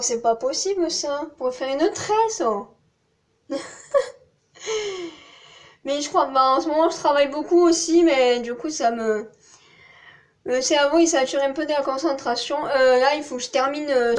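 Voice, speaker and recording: A woman's voice: high voice, moderate pace, pauses often. A young woman with a southern French accent chatting casually to her vlog audience, rambling and poking fun at herself. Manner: chatty, rambling, self-mocking with frequent laughs. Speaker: vlogger.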